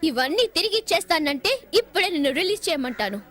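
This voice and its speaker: A woman's voice: sits high, big pitch swings, fast talker, a bit bright. An actress playing a headstrong young woman student in a comic film scene, defiant and bossy.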